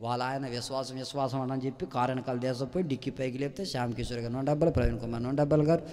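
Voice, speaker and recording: A male pastor, preaching fervently, dropping to hushed storytelling and then rising to shouted appeals. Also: medium pitch, level tone, racing. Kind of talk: sermon. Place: church hall. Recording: long hall reverb.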